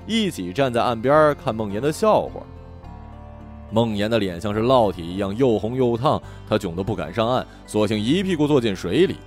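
A man narrating a children's story in a gentle, expressive scripted reading. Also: medium pitch. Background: soft music.

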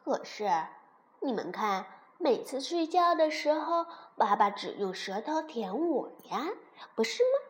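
Woman reader as boastful baby dinosaur: small, smug, drawn-out bragging, high-pitched. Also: big pitch swings. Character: boastful, smug little male baby ankylosaur.

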